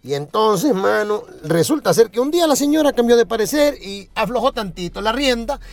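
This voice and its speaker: A man's voice: sits high, normal speed, no room sound. A man telling a long joke story on a comedy radio show, acting out the voices in it. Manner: lively storyteller, acts out quoted voices.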